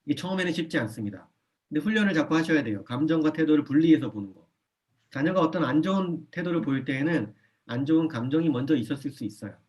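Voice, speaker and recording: A man's voice: a little high, quick pace. A man lecturing a church parenting class. He speaks with energy, checks that the audience follows, and repeats his key points. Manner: animated, often acts out a parent's lines in a soft voice. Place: church hall.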